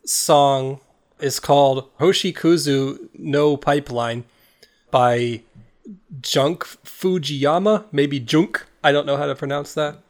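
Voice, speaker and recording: A man's voice: mid-range voice, fairly even intonation, takes it slowly. A man hosting a casual podcast, chatting loosely. He rambles and restarts his sentences often, trailing off as he explains. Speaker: podcast host. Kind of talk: casual chat.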